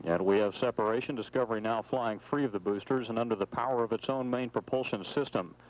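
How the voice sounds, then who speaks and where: A man's voice: mid-range voice, quick pace. A man giving flight commentary over mission control radio in clipped, matter-of-fact status reports. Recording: dull, noisy mission control radio feed.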